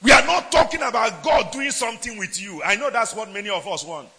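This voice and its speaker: A man preaching a sermon. He swings between shouted lines and low asides, and keeps asking the congregation questions. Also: lively intonation, fairly quick. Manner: asks the congregation questions, laughs between points.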